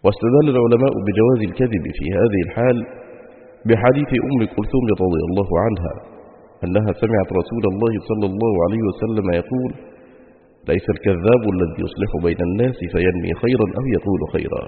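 A man reading a classical hadith collection aloud in a slow, measured, chanted delivery. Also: fairly low pitch. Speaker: reader of a hadith book. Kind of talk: recited reading of a religious text. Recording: tinny phone-like audio with long reverb.

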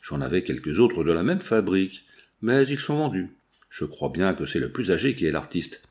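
A man's voice: low voice, sing-song, normal speed, a little mellow, voice pushed down. A man doing a pushy woman dealer. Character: sharp-voiced woman furniture dealer, pushy.

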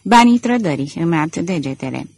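A woman voicing a mocking gentleman thief. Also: lowish voice, expressive, creaky. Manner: sneering, playful. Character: gentleman thief, mocking, theatrical, confident man.

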